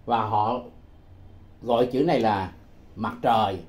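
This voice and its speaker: A man teaching a lesson in a deliberate, explanatory way, repeating key words and pausing on hesitant fillers. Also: lowish voice, darkish tone, reverberant.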